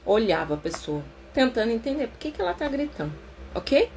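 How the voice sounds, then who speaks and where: A Brazilian woman therapist leading a casual live book-club talk, chatty and expressive, slowing down to stress her points. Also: on the high side, slight background noise. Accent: Brazilian Portuguese.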